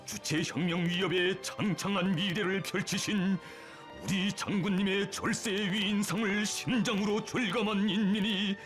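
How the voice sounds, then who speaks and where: Man, North Korean accent, high voice, reverent declamatory documentary narration, propaganda style, music underneath. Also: steady tone, moderate pace, a bit bright. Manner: solemn, reverent, emotive declamation.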